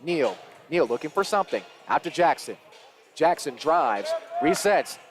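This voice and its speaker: A man calls live high school basketball as the play-by-play announcer, his delivery rapid and energetic, climbing as the action builds.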